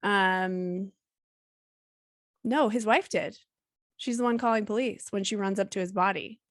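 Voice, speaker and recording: A woman's voice: mid-range voice, measured pace, no room sound. A woman co-hosting a true-crime podcast, reading court statements aloud and adding dry, sarcastic asides. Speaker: podcast co-host.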